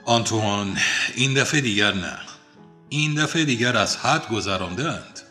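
A man's voice: lowish voice, animated, sharp tone, faint music behind. A man reading aloud voices a stern, imperious middle-aged father who speaks in a clipped, severe way.

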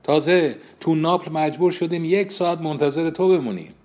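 A man's voice: on the high side, a little mellow, voice pushed up, natural voice. A man reading aloud and voicing a touchy young woman who retorts indignantly.

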